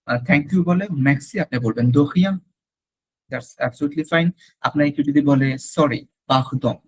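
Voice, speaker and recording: A man teaching a French class in Bengali mixed with English, repeating each French word slowly. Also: fairly high pitch, a little mellow, husky, no room sound, poor audio. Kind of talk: classroom lesson.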